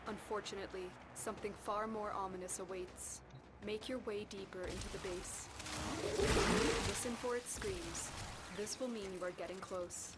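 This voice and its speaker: A stern, urgent female mission handler, played by a woman in a video game, commanding and measured at a middle pitch. Loud game noise and ambience surround the voice. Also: steady tone, lightly acted. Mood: grave briefing.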